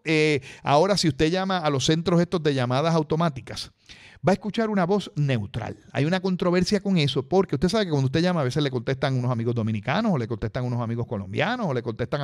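A man presenting a radio technology segment, talking chattily and straight to the listeners. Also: a little high. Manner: chatty, addresses listeners directly.

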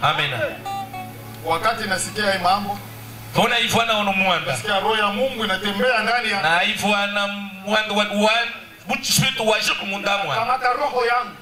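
Fervent high-voiced male prayer leader. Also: brisk, sharp tone, roomy sound, faint music behind. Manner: chanting fervent call-and-response. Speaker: preacher leading prayer. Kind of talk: call-and-response prayer with interpreter. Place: outdoor gathering.

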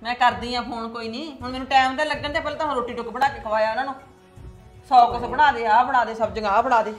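Anxious protective mother played by a middle-aged woman, fast talk, music behind. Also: on the high side, steady tone, close to an everyday voice. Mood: hushed. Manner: pleading, protective.

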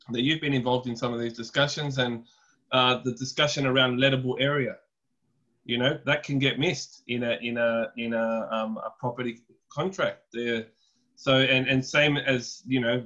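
A man's voice: medium pitch, a bit bright, lo-fi sound. A man in his thirties moderating a webinar panel over a video call, handing questions to the guests in a conversational way.

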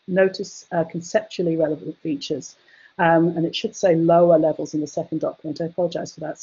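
A woman giving an academic chemistry education webinar, talking hesitantly with many fillers and restarts, her voice going hoarse. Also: lowish voice, warm tone. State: losing her voice, coughing. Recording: dull lo-fi webinar audio.

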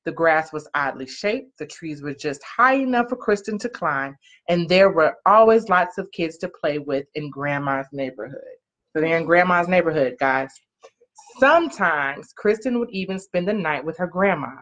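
This parent-like storyteller has a low, animated, fairly bright voice and reads at normal speed. Sitting on a living-room couch, she performs a children's storybook expressively, drawing out important words and prompting the kids with questions, all captured as muffled lo-fi sound by a laptop or webcam mic at arm's length.

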